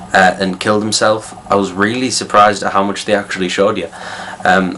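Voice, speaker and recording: A man's voice: deep voice, a bit bright, a little hiss or hum. A young man giving a casual, rambling spoken movie review, full of fillers and restarts. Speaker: film reviewer.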